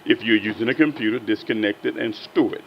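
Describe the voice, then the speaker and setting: A man working as a flight attendant makes formal, well-practised announcements over the cabin PA handset inside an aircraft. His voice is lowish, gravelly, and fairly quick, and the sound is muffled with aircraft noise in the background.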